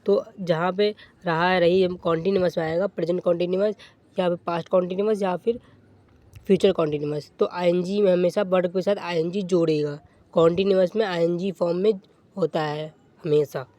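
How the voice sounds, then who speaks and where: A male teacher giving a grammar lesson, asking questions and answering them himself, repeating each rule and slowing down to dictate example sentences. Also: high voice, steady tone, dark tone, no room sound. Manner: asks and answers own questions, repeats rules.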